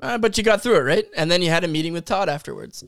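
A man's voice: high-pitched, animated, quick pace, gravelly, a bit bright, dry recording, clean studio sound. A man hosting a podcast interview, chiming in with brief supportive remarks. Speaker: podcast host. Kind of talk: casual interview.

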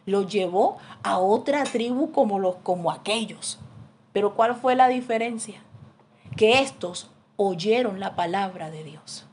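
A woman's voice: medium pitch, slight background noise. A middle-aged woman preaching a sermon, telling stories and acting out the voices of the people in them. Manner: animated storytelling, acting out voices in quotes.

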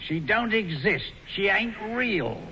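A muffled, reverberant old radio comedy. a blunt, uncultured fellow, high-voiced and slangy. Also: male voice, sing-song, slow pace, pushed and bright, a little hiss or hum, exaggerated voice. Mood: incredulous. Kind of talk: 1940s radio comedy acting.

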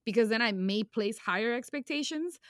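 A woman's voice: a little high, lively intonation, a little fast, a bit bright, dry recording. Casting: young woman, raw and emotional, casual slang, dry close recording. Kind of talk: candid personal conversation.

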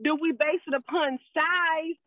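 High woman on a tinny phone line. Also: fairly even intonation, measured pace, dry recording. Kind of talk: casual group chat over the phone.

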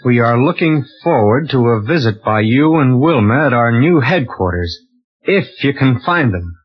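A man's voice: medium pitch, expressive, normal speed, husky. A man playing a hearty, reassuring space captain with a breezy, kindly manner in an old radio adventure serial. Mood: intent. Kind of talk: 1930s-40s radio serial acting. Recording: dull, worn old radio recording.

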